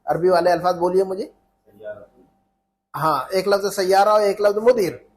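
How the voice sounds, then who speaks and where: A man's voice: high-pitched, fairly even intonation, normal speed. A man teaching an Arabic lesson in Urdu, repeating phrases and checking that students follow.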